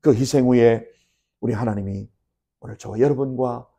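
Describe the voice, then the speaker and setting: A middle-aged man preaching from the pulpit in a mellow, darker voice at an ordinary male pitch. His delivery swells to loud, fervent climaxes on key phrases, then falls to quiet, settled line endings, the cadence of a seasoned senior pastor. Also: normal speed, gravelly, breathy edge. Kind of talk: sermon.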